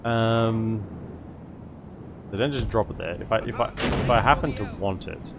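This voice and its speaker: A man's voice: fairly low pitch, measured pace, creaky, heavy background noise. A man giving casual strategy game commentary as a streamer, thinking aloud as he goes. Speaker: gaming streamer. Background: game music.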